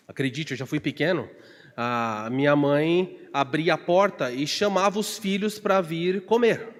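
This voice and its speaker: A man preaching a Bible study as pastor, telling stories with digressions and humor and acting out shouted calls with big pitch jumps. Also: long reverb tail. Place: church.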